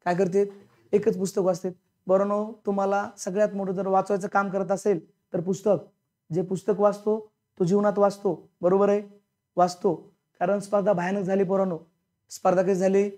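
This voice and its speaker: A man's voice: high voice, flat delivery, moderate pace, mellow. Blunt male teacher drilling a class. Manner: drills the class with repeated questions; scolding, colloquial and blunt. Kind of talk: classroom grammar lecture. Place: classroom with students.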